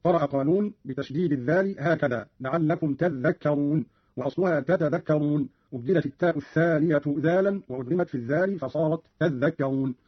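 Husky guy explaining recitation rules quick and formal, slows way down to chant examples, muffled old radio sound. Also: fairly high pitch. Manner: measured, didactic, slows for chanted demonstrations. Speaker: recitation teacher explaining reading variants. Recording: dull lo-fi archival radio recording.

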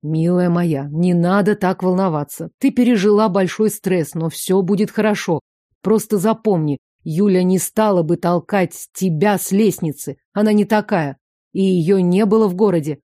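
A woman voicing a young man who speaks in a calm, soothing way to his fiancée. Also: on the low side, normal speed, no room sound, studio quality, voice pushed down, lightly acted.

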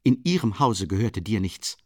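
A man voicing a furious young woman who holds a gun, shouting fierce accusations in an audiobook reading. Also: lowish voice, very animated, moderate pace, no echo, studio quality.

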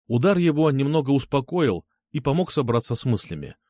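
Lively sardonic male audiobook narrator. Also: mid-range voice, a little fast, no echo. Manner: sardonic, lively, coarse humor. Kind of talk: first-person audiobook narration.

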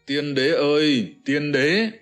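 A man's voice: mid-range voice, very animated, normal speed, faint music behind. A man voicing an emotional young officer in an audiobook, with impassioned, tearful outbursts. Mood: wailing. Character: young male officer, emotional and quick to weep. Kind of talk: scripted narration of a historical novel.

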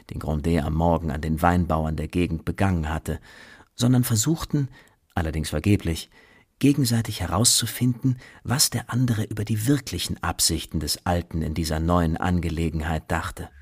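A man narrating a radio play in a measured way. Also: low-pitched, a little mellow, husky. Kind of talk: scripted narration.

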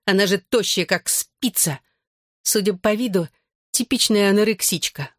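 A woman's voice: mid-range voice, normal speed, no echo, clean studio sound, voice pushed up, natural voice. An audiobook reader voicing a jealous, pushy young woman who snaps, whines and pleads. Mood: pleading, spiteful. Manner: whining, snapping and pleading. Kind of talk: audiobook character voice.

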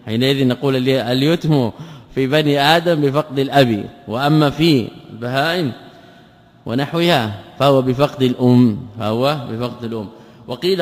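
A male scholar teaching a classical text. He asks himself rhetorical questions, answers them, and slowly repeats words and patterns for emphasis. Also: mid-range voice. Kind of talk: lecture explaining a classical text. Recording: long hall reverb.

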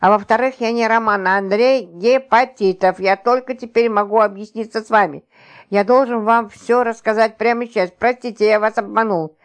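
A woman reading an audiobook, voicing a gruff, secretive man who scolds and confesses. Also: a little high, steady tone, normal speed, voice pushed up, natural voice. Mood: earnest.

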